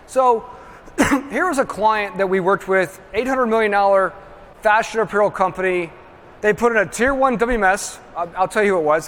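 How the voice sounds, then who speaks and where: A man giving an emphatic trade-show presentation, tagging his points with quick check-ins to the audience. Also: high voice, a bit bright, slight background noise. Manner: emphatic, constantly checks in with "right?". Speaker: industry presenter. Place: large trade-show hall. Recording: reverberant hall with faint ambience.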